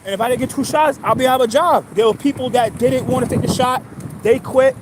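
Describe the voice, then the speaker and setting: A man in his thirties from New York, talking in a rambling, halting monologue full of restarts. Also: very high voice, heavy background noise. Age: 30s. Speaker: livestream host.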